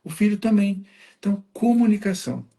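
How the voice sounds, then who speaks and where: A man's voice: high-pitched, lively intonation, brisk, vocal fry, warm tone. A man, a guest on a faith-based talk, giving earnest family advice and acting out little quotes.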